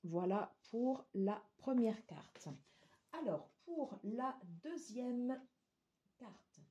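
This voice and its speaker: A woman giving a tarot card reading to her viewers, speaking gently and reassuringly with frequent hesitations. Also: fairly high pitch, breathy edge. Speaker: tarot reader.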